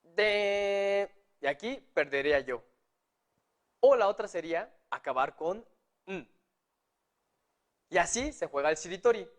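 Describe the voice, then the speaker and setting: Slow, high-voiced man teaching. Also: expressive. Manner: slow, patient, spells out syllables. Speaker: Japanese teacher. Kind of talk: online language lesson.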